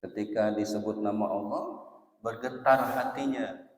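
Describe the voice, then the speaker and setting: Male preacher, slow and swingy, loud then soft, chanting verses, big echoey mosque sound. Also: fairly low pitch. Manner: lively, swings between loud emphasis and soft asides, chants verses slowly. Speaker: ustadz preacher. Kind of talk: dawn mosque sermon. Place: mosque hall. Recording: echoey mosque hall, long reverb.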